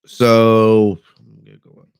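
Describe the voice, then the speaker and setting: Broadcasting from his bedroom, a young man from the United States hosts a wrestling podcast and reads the live chat, his casual commentary rambling with many fillers and restarts. He speaks in a lowish, clean voice at a measured pace, completely flat, with no echo.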